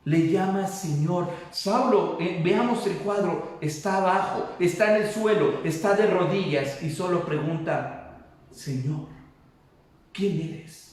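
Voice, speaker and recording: A man's voice: sits high, a little slow. A male pastor preaching a Bible-study sermon, emphatic and often addressing his listeners directly. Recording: very echoey room, mic far off.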